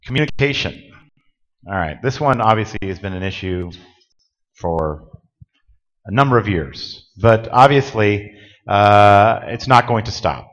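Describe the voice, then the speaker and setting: A man's voice: on the low side, lively intonation, measured pace, pauses often. A man presenting rules to a conference audience in a plain, direct, instructive way. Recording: dull lo-fi audio with long hall reverb.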